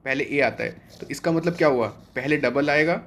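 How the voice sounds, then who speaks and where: A man's voice: a little high, normal speed, a bit bright, slight background noise. A young man teaching an online exam-prep vocabulary class, explaining step by step and asking and then answering his own questions.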